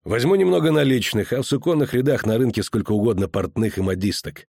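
A man voicing a grim, weary male witcher in an audiobook, speaking curtly with a husky voice. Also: mid-range voice, fast, darkish tone, no room sound, clean studio sound, voice pushed up. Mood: terse. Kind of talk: audiobook character reading.

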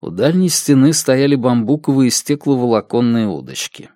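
A man reading an audiobook with measured, even storytelling narration. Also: mid-range voice, dry recording, clean studio sound. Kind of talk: scripted narration.

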